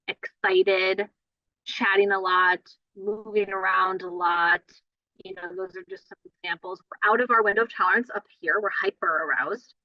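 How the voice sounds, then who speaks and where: A woman's voice: mid-range voice, no echo, dull audio. A woman leading a play therapy training in a conversational lecture style, often adding "right?" and "you know". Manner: conversational, many fillers and "right?".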